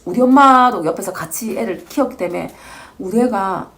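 A woman's voice: mid-range voice, expressive, moderate pace, a bit bright. A woman in her forties, a divorced mother, telling her own story in an earnest, reflective, casual way. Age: 40s. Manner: earnest, reflective, speaks in short informal phrases.

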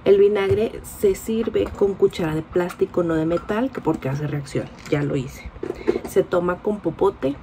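A chatty Mexican woman in her forties vlogging into a phone held close. Her voice has a slight gravel to it, and some background noise sits under her talk. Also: lowish voice, unhurried. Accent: Mexican Spanish. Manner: chatty, informal, confiding. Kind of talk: casual vlog chat to camera. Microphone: phone camera held close.

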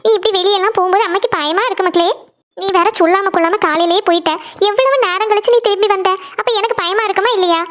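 A woman's voice: very high voice, fast talker, dull audio. A woman voicing a worried, strict mother of a teen girl in a cartoon, with a scolding, anxious manner.

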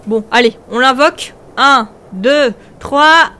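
A young woman hosting a video game, commenting excitably, often shrieking and laughing. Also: high-pitched, slow, background noise. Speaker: gaming video host.

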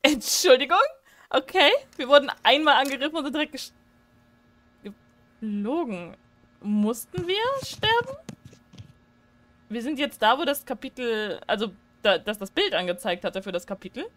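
Playing a horror game for her viewers, this woman chats and cracks jokes into a desk mic, letting out shrieks whenever she gets a scare. She speaks at a normal speed in a high, sing-song, slightly bright voice, pausing often as the gaming streamer narrates her let's play.

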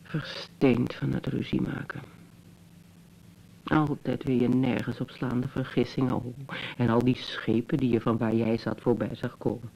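An actor playing a bitter, teasing brother who muses to his sister in a slow, mocking monologue, in old radio drama style. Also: medium pitch, flat delivery, creaky, a little mellow, dull audio. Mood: musing. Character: wry, bitter adult brother, teasing yet tender. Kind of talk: 1970s Dutch radio drama acting.

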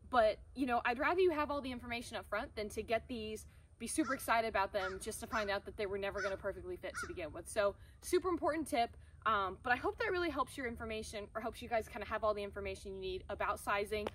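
This is a young adult woman from Central Florida, United States, who talks fast in a medium-pitched, slightly bright voice. She reviews products to camera, enthusiastic and emphatic in a chatty vlogger way. The outdoor camera audio, recorded beside a wooden wall and open field, is noisy.

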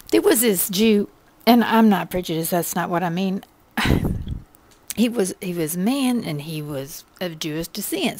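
A woman's voice: mid-range voice, darkish tone, no echo. A middle-aged woman casually telling a personal faith testimony in a folksy, chatty way, laughing as she goes.

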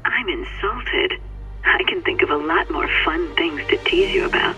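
A sly cat burglar woman in a video game, teasing and flirting in a coy purr. Her voice is bright and sharp with lively swoops, coming over a tinny phone line. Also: fairly low pitch, unhurried, soft background music, full character voice. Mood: playful, teasing. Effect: telephone filter.

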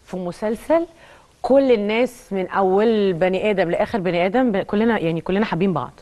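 A woman's voice: mid-range voice, fast, warm tone. An Egyptian woman, an actress, talking emotionally about her role in a TV studio interview, with an Egyptian Arabic accent. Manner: emotional, tells anecdotes with acted quotes. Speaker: actress guest.

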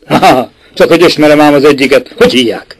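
Cunning rich old gentleman, sly, insistent, raised voice, as a narrator puts him on, dry sound. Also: a little high, no echo, poor audio. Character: cunning rich older gentleman, mocking and pushy.

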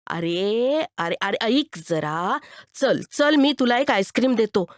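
A woman voicing a kindly older male philosophy teacher who coaxes a boy gently. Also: fairly high pitch, lively intonation, slow pace, no echo, studio quality. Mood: coaxing. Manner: coaxing, gentle.

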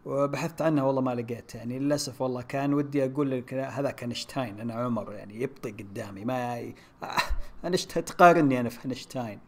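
A young man, playing a platform game on his channel and commenting casually, groaning and shouting as he plays. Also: medium pitch, racing. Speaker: gaming YouTuber.

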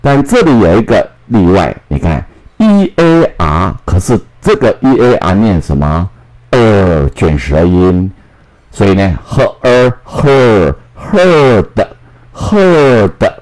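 A man teaching English phonics, spelling out letters and repeating each word slowly. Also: low-pitched, a little mellow, poor audio. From Taiwan. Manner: slow, drawn-out spelling and word repetition. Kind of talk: classroom phonics lesson.

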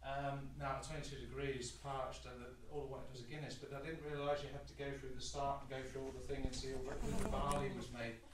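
Filmed on a distant audience member's phone in a large indoor hall with a painted mural, a middle-aged medium born in Scotland tells a rambling, chatty story, restarting and laughing along the way. His medium-pitched voice is flat and quick with few pauses. The far-off audio is echoey and noisy.

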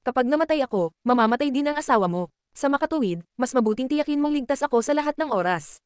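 A woman voicing a cold, ruthless young male martial cultivator who makes flat threats, in a fast-read audiobook. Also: sits high, clear, resonant tone, no room sound, clean studio sound.

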